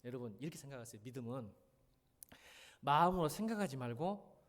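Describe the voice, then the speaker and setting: A man's voice: mid-range voice, brisk. A middle-aged man preaching as a pastor, questioning the congregation and urging them to listen closely. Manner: animated, questions and addresses the congregation. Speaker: senior pastor. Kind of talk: sermon at a midweek church service. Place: church.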